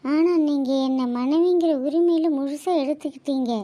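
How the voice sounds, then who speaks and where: Woman for cartoon drama: soft, feverish young wife with a high, mellow voice. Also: normal speed, lightly acted. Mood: tender. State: weak with fever.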